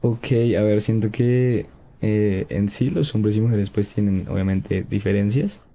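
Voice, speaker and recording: A man's voice: fairly low pitch, fairly even intonation, unhurried, mellow, a little hiss or hum. A young man as a podcast guest, thinking aloud and hesitating as he searches for his words.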